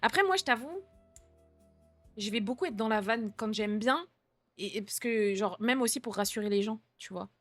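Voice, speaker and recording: A young woman streamer, talking in a relaxed, slangy way. She answers viewer messages and mixes reassurance with jokes. Soft music plays faintly behind her voice. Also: on the high side, moderate pace. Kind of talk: casual chat reading out viewer messages.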